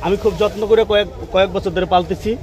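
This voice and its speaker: A man's voice: high voice, level tone, fast, a little mellow. A man selling plants at a fair stall, eagerly listing varieties and prices. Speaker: nursery stall seller.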